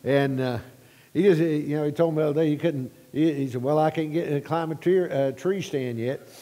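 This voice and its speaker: A man leading a church prayer at a pulpit microphone, halting with repeated words and swelling louder as he prays. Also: a little high. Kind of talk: spoken church prayer and announcements. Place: church sanctuary. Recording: long reverb of a church sanctuary.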